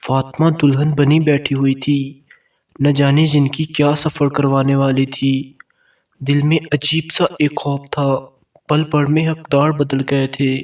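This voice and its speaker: Male storyteller, higher voice, even and unvaried, muffled far-off recording. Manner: steady, even storytelling delivery. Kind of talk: scripted story narration. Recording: dull, distant mic sound.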